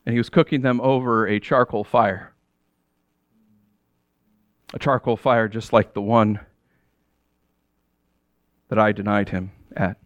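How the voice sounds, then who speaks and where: A man's voice: on the low side, steady tone, unhurried, pauses often, no echo, highs cut off. Man preaching in character, dramatic monologue. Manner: storytelling in character, swinging from hushed to exasperated. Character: the apostle Peter telling his own story. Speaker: pastor. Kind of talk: dramatic first-person sermon.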